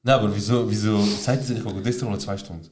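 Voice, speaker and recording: A young man with a lowish voice co-hosts a casual podcast. He tells stories with lots of slang and swearing. He acts out the dialogue himself. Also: fast. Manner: slangy, swearing, animated retelling with quoted dialogue. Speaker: podcast co-host. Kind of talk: casual chat, storytelling.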